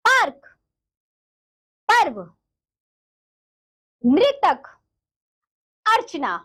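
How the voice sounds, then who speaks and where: High, lively woman teaching children. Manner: addresses children, slow syllable-by-syllable spelling. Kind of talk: children's lesson.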